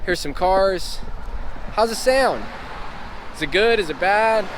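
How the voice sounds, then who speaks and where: A man's voice: sits high, animated, takes it slowly. A man doing a casual vlog while riding along a street, projecting his voice over wind and passing cars and often asking short questions. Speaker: vlogger reviewing audio gear. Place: outdoors beside a neighborhood street, moving on an electric board. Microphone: action camera, small clip-on and external mics. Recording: wind and traffic noise on action-camera and small mics.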